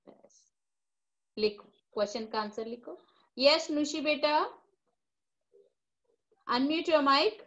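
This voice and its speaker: High-voiced Indian woman teacher, slow. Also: sharp tone, lo-fi sound. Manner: coaxing, slow dictation mixing Hindi and English. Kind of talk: online class for young children. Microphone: video call.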